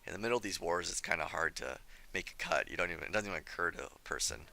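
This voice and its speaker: A slightly hoarse young man commenting on his strategy game as he plays, chatty and scolding himself for his mistakes. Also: low-pitched, expressive, quick pace, pushed and bright. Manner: self-critical, chatty, thinking aloud. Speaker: gameplay commentator. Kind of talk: let's play commentary.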